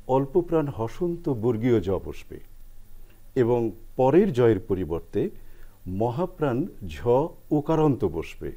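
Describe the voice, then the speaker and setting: A man's voice: medium pitch, warm tone. A man explaining pronunciation rules as a guest expert on a TV language program, spelling out sounds step by step.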